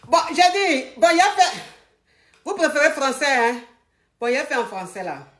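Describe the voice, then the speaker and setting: A woman with a slightly high voice chats casually on a live stream, calling her viewers family. She sounds out of breath and hot from exertion. Her voice rings around an echoey room. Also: big pitch swings, moderate pace, a bit bright, slight background noise. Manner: chatty, scattered, talks to viewers as family. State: out of breath, sweating.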